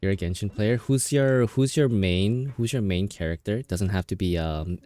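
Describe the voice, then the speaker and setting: A man's voice: lowish voice, normal speed, warm tone. A young man streaming a game, chatting emotionally with viewers and often restarting his sentences. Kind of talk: casual game stream chat.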